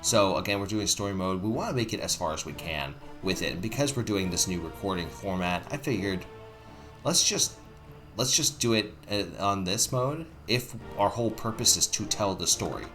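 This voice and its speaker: Low-voiced man rambling through game commentary. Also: lively intonation, normal speed, a bit bright. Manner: rambling, thinking aloud. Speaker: gaming video host. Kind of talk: casual playthrough commentary. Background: music.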